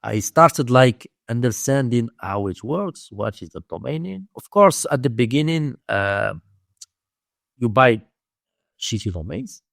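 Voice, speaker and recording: His medium-pitched voice is gravelly and a bit bright, with lively intonation and no room sound. A Moroccan-accented domain investing teacher, he tells stories in a dry interview using faltering, repetitive non-native English.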